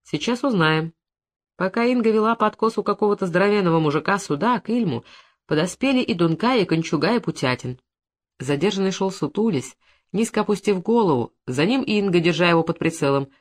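A woman's voice: on the low side, animated, fast talker. Woman narrating a gripping taiga crime story. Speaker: audiobook narrator. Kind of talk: scripted narration with character voices.

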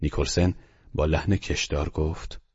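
A man narrating an audiobook in a calm, measured storytelling voice. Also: a bass voice, husky, highs cut off. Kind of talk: scripted narration.

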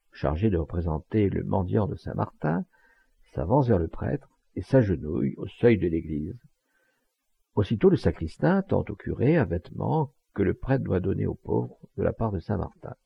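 Gravelly low male audiobook reader. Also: no room sound, muffled recording. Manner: expressive storytelling. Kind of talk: scripted narration.

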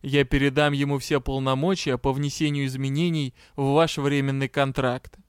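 A man's voice: mid-range voice, flat delivery, moderate pace, clean tone, no room sound, studio quality, close to an everyday voice. Man playing a formal magistrate. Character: formal male magistrate official.

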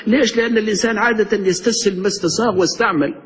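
A man's voice: sits high, rapid-fire, a bit bright. A man, a sheikh teaching a grammar class, explaining step by step and quizzing his students. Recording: dull lo-fi recording in a reverberant hall.

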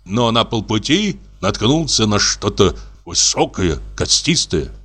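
A man reading a classic story as narration in a measured, expressive way. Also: on the low side, husky. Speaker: audiobook reader. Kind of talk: scripted literary narration.

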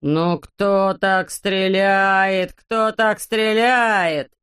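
An audiobook's furious landowner, a bald, greedy, bossy man, is voiced here by a woman with a fairly low pitch and a clean tone. The character screeches, yells with stretched-out words, and calls names.

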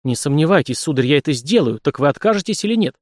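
A man's voice: on the high side, expressive, quick pace, dry recording, studio quality. A man voicing a nervous, pompous young nobleman in a storybook reading. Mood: indignant. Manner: stammering, pompous.

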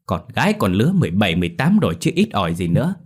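A man voicing a sharp-tongued village mother who nags her daughter in a shrill, scolding tirade. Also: wildly swooping pitch, racing, husky, full character voice.

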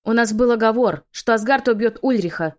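A woman voicing a desperate young pregnant witch who pleads and shouts in a raised, loud voice. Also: lowish voice, brisk, close to an everyday voice. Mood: frantic.

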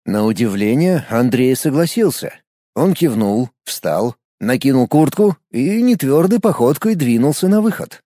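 A man reading an audiobook with expressive storytelling. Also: mid-range voice, measured pace, no echo, studio quality. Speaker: audiobook narrator. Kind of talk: scripted narration.

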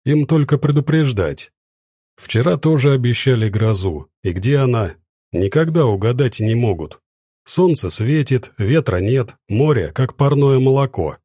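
A man voicing a relaxed, self-assured husband in his forties, in an audiobook. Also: medium pitch, unhurried, slightly rough, no room sound, clean studio sound. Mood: dismissive.

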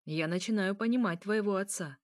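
Brief: quiet, restrained male vampire lover, read by a woman, close and dry. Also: mid-range voice, brisk, no room sound, lightly acted. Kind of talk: audiobook character reading.

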